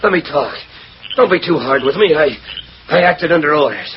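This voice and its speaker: An actor playing a crooked, cowardly, blustering businessman villain in a 1940s radio western, impatient and excitable, on a muffled, noisy recording. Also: deep voice, moderate pace. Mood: panicked, pleading.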